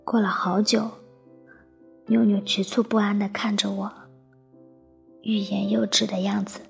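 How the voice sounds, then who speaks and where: A woman narrating an emotional first-person story in a soft, half-whispered voice over faint background music. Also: medium pitch, little pitch movement, a little slow, creaky.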